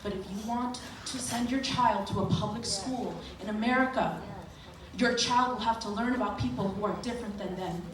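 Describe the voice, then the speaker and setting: A woman's voice: mid-range voice, normal speed, a crowd in the background. A young adult woman from Miami giving a public comment at a board meeting, earnest and pointed, with frequent fillers. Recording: echoey hall, from far off, noisy.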